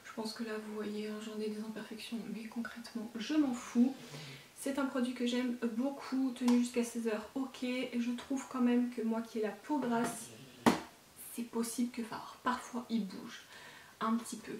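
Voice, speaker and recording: A woman's voice: a little high, level tone, moderate pace, darkish tone, reverberant, recorded from a distance, slight background noise. A woman beauty vlogger chatting casually to camera about her makeup collection, rambling with lots of fillers and self-corrections.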